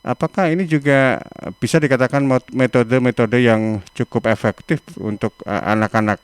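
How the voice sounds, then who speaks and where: A man hosting a radio talk show, asking long, measured questions from the studio. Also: mid-range voice, fairly even intonation, clear, resonant tone, dry recording. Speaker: radio host.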